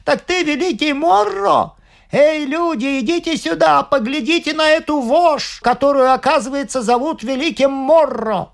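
A reader voicing a huge, boorish male servant who shouts and jeers in an audiobook, in a raised, gravelly voice. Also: sits high, normal speed, pitched above the performer's own voice. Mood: jeering. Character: brutish giant male servant, loud. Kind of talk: audiobook reading.

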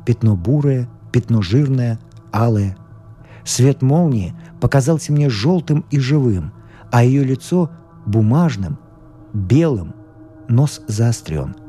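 A man narrates a literary story in the first person, measured and expressive. His voice is dark and mellow, sitting at a middle pitch, with no edge to it. Soft music runs faintly underneath the reading.

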